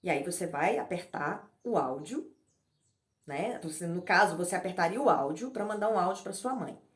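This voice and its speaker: Lively woman coach in an echoey room. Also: on the low side, a little fast. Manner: informal and lively, demonstrating breathing and acting out quoted phone messages. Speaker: speaking coach. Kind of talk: online class teaching self-presentation. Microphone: camera in front of her.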